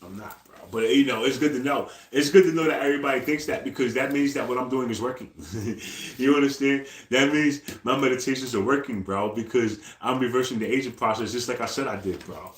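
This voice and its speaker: A man in his forties, medium-pitched and a little fast, chats casually on a livestream in an echoey room. He talks in loose slang, ends almost every phrase with "bro," and repeats himself to his viewers.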